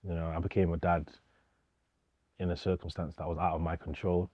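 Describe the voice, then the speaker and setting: The young man is a DJ, a guest in a casual documentary interview, and his speech is informal and full of slang and repetition. He has a low-pitched voice with a breathy edge and a flat delivery, speaking fairly quickly. There's no room sound, and the highs are cut off.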